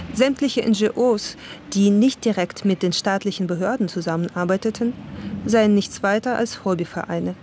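A woman reporter giving measured documentary narration in a calm storytelling manner. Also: mid-range voice, slight background noise.

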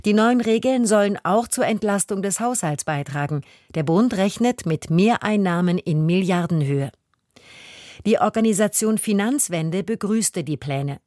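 A woman reading the radio news in a formal, even studio delivery. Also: mid-range voice, moderate pace, no echo. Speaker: newsreader. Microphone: studio mic.

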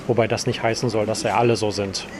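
Store owner talking over crowd noise. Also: male voice, on the low side, steady tone, quick pace. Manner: explanatory, conversational. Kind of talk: interview statement.

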